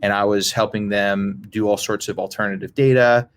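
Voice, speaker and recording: A man who grew up in Brazil answers interview questions at an unhurried pace, sprinkling his speech with fillers. His voice sits fairly low. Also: steady tone, clear, resonant tone. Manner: measured, many "um" and "you know" fillers. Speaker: interview guest, game creator. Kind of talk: casual interview chat.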